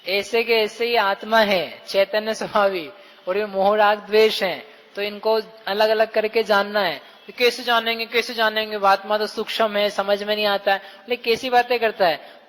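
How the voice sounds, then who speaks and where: High-voiced man teaching in a hall. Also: steady tone, normal speed, a bit bright. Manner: questioning, addresses listeners directly; acts out quoted everyday speech. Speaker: Jain scripture teacher. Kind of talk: religious discourse.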